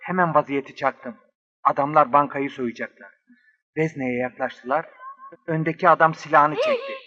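An actor playing a young taxi driver who dreams of being a detective, boasting and shouting in a comedy film. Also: male voice, on the high side, full character voice. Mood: storytelling. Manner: boastful, excitable, quick to shout. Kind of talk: 1970s Turkish film comedy acting. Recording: dull old film soundtrack.

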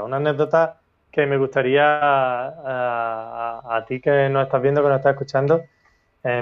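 Animated man telling a story, dull audio. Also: mid-range voice, smooth. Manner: animated storyteller, acts out quoted dialogue. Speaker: interview guest, teacher. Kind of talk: casual conversational storytelling.

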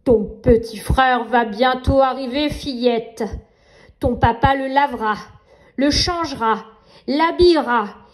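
A woman's voice: high voice, takes it slowly. A woman voicing a huge, menacing nightmare monster from a children's storybook, with a sneering, taunting villain delivery. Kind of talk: children's storybook read aloud.

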